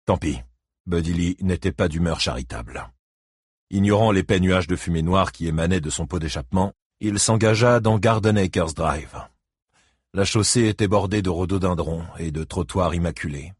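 A man reads a novel aloud in a steady, measured way. His voice sits somewhat low with a husky grain, recorded dry and close. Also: dry recording. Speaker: audiobook narrator. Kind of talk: scripted narration.

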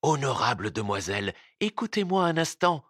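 Storybook old gentleman, polite and gentle, pitched up high, bright edge, voiced by a male reader. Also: very animated, normal speed, no echo, studio quality. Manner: polite, then gasping with fright. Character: kind old man, later terrified.

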